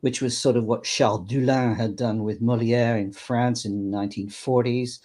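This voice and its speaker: An older man speaks as an interview guest, recalling his past in a loose, rambling flow. He often stops mid-thought and restarts his sentences. His voice sits at an ordinary pitch. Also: fairly even intonation, a little mellow. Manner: rambling, halting, many restarts. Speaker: interview guest, clown performer. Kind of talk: reminiscing interview talk.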